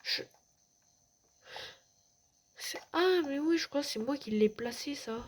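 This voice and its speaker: Girl gaming and freaking out, swears nonstop, whispers sometimes, kinda high voice. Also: lively intonation, takes it slowly. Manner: jumpy, swears a lot, drops into whispers. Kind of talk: let's play commentary. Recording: noisy with clicks.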